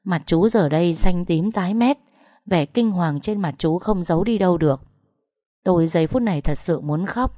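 A woman's voice: fairly low pitch, moderate pace, mellow, no echo, studio quality. Woman narrating a dramatic story. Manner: emotional, tense storytelling.

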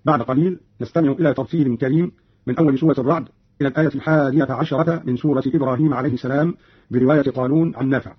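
Man, radio presenter, formal scripted explanation, quick delivery, slightly husky, dull lo-fi broadcast sound. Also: mid-range voice, steady tone. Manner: measured, formal, slows when quoting verses.

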